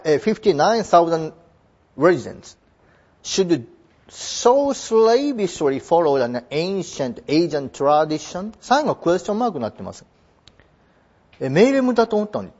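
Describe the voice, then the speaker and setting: A man teaching English, explaining a passage in an animated, emphatic lecture and reading the English lines slowly. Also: sits high, slightly rough, lo-fi sound.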